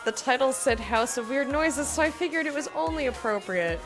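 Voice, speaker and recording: A woman's voice: sits high, animated, a little fast. A woman streamer chatting playfully with her audience over a livestream headset mic, swearing casually. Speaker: game streamer. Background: background music.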